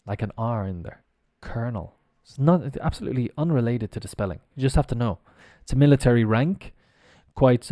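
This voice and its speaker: A man's voice: mid-range voice, dark tone, dry recording, studio quality. A man teaching English pronunciation on a live stream, spelling words out letter by letter and chatting casually as he goes.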